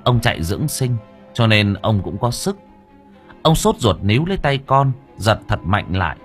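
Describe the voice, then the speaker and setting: Expressive male storyteller, lively, low voice. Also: moderate pace, soft background music. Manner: expressive, shifting tempo. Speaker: audiobook narrator. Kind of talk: dramatic story narration.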